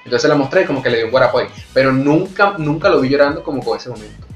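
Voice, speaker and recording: A man with a Venezuelan Spanish accent speaks rapid-fire in a mid-range voice, hosting a casual, candid chat where he tells his stories frankly and with animation. The room is echoey, with faint music in the background.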